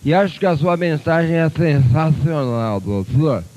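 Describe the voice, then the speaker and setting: A man voicing a tipsy audience member who earnestly and slowly addresses a doctor in a joke. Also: fairly high pitch, a little mellow, highs cut off, natural voice.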